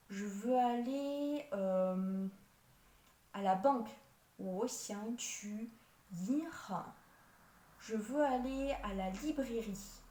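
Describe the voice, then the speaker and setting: A woman giving a language lesson, patiently explaining step by step and sounding out foreign words slowly. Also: a little high, darkish tone. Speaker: Chinese language teacher. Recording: echoey room, distant mic.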